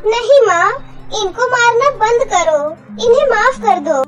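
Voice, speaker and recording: A woman's voice: very high voice, animated, a little slow, faint music behind, voice pushed up. A woman voicing a sweet, mistreated young girl in a cartoon story, pleading in a tearful voice. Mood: firm pleading.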